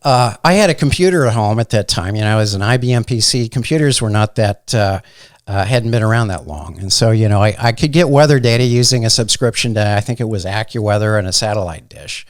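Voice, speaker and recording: A man with a Midwestern accent, a meteorologist guest telling stories in a casual, unhurried way with many fillers. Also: lowish voice, no room sound, studio quality. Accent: Midwestern American. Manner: soft-spoken, unhurried, fond of fillers. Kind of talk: casual interview storytelling.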